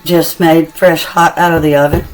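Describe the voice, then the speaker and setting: Deep-voiced and level in tone, a middle-aged woman walks through a cooking demo at a moderate pace in her own kitchen. She chats in a homey way and tastes the food while she talks, over soft music and the clatter of kitchenware.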